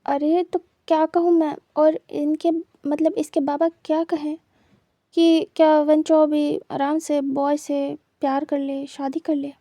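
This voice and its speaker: A woman's voice: high voice, level tone, measured pace, warm tone, no room sound. Woman doing a fussing middle-aged mother. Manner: fussing, reproachful. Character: caring middle-aged mother, scolding gently. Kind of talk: dramatized story reading.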